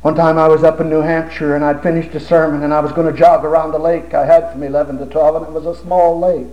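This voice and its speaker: A man's voice: on the high side, little pitch movement, fast, highs cut off, slight background noise. An older man preaching a sermon with impassioned rhetorical questions and humorous stories. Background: audience laughter.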